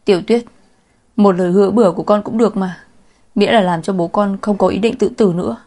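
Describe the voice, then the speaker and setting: A woman's voice: mid-range voice, steady tone, brisk, darkish tone, lightly acted. A woman voicing a middle-aged stepmother who begs in a choked voice, in a storybook reading. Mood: pleading. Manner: begging, choked. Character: middle-aged scheming stepmother, pleading and tearful.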